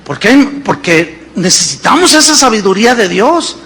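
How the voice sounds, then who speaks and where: A man's voice: high voice, sing-song, moderate pace, a bit bright, slightly rough. A man, preaching a sermon as pastor, emphatic, with rhetorical questions and acted-out dialogues. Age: 50s.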